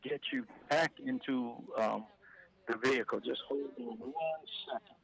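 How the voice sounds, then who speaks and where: A male caller on a breaking-up phone line, talking in a halting way and repeating words. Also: medium pitch, steady tone, gravelly, fairly bright tone, husky. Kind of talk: call-in radio talk.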